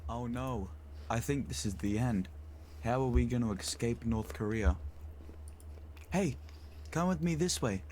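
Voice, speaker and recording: A panicky young man on the run, voiced by a man calls out in urgent bursts in a rap track skit. His voice is mellow and darkish, at a middle pitch. A little faint noise sits behind him. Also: expressive, a little slow, long pauses, close to an everyday voice. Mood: panicked.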